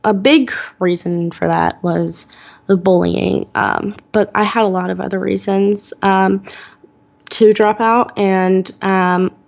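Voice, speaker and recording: An eighteen-year-old woman telling her own story as a guest in an interview, earnest and pausing often with "um". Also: medium pitch, steady tone, vocal fry, dull audio. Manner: earnest, many "um" pauses. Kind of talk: podcast interview, personal story.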